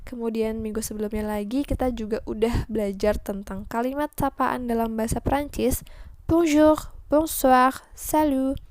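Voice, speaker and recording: A young woman teaching a French class in a friendly, chatty way, slowly spelling out letters and sounds. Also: fairly high pitch, steady tone, darkish tone, no room sound. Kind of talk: online class lesson.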